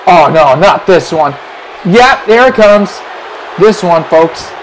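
A man doing excited play-by-play wrestling commentary, shouting at the big moves. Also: high voice, takes it slowly. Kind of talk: excited wrestling commentary over a video game match. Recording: noisy with crowd roar behind.

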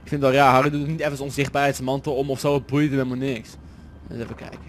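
A man's voice: mid-range voice, level tone, racing, faint music behind. A man from the Netherlands with a Dutch accent, doing jokey let's-play commentary, chatty and swearing often. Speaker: gaming commentator.

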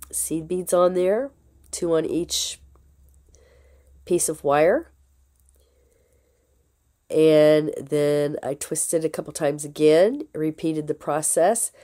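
Lady crafter, hoarse sick voice, kinda low and slow, lots of ums. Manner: slow, unhurried talk with fillers and soft laughs. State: hoarse from a lingering illness. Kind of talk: casual crafting tutorial.

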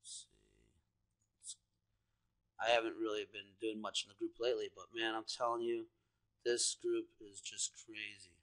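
A man's voice: on the low side, flat delivery, moderate pace, pauses often, a bit bright. A man giving a casual screen-share walkthrough as an online marketer, rambling and enthusiastic, full of fillers like "you know" and "guys". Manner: enthusiastic, salesy. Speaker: online marketer walking through a screen demo.

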